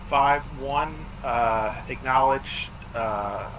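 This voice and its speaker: A man acting as platoon leader, giving halting, clipped radio reports full of fillers over a radio link with bursts of static. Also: mid-range voice, fairly bright tone, poor audio. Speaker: platoon leader in a tank sim. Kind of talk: military radio chatter.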